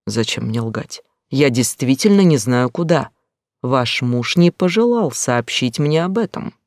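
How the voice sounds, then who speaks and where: A man playing a calm, cold male fixer with a mocking edge, speaking in a measured way. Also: medium pitch, no room sound, studio quality. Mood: quiet.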